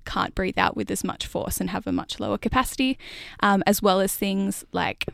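Young woman explaining, creaky voice. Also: mid-range voice, moderate pace, no room sound, studio quality. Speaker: PhD researcher, interview guest. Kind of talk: explanatory interview talk.

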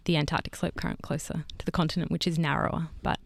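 A woman's voice: deep voice, level tone, fast talker, creaky, no room sound. A young woman, explaining science informally as an interview guest. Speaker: guest scientist, PhD candidate and fellow show host. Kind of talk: spontaneous explanatory interview talk.

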